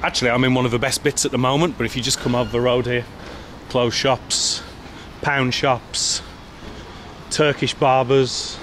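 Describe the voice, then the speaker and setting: Male travel vlogger, friendly street-interview style, steady mid voice, noisy outdoor mic. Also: mid-range voice, normal speed. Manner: chatty, friendly questioning. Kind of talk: casual vlog narration and street interviews. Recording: outdoor street noise with traffic.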